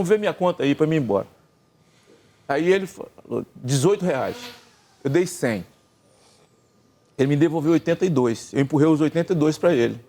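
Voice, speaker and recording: An older Brazilian man telling a long personal story in casual chat, acting out the dialogue with lively swings in his voice. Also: a little high. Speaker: gospel singer and senator telling a story.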